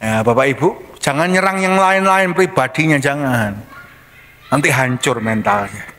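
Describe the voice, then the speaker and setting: A man's voice: medium pitch, expressive, measured pace, fairly bright tone. A man, a pastor preaching a storytelling sermon in a casual, colloquial way. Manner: conversational, colloquial. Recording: long church hall reverb.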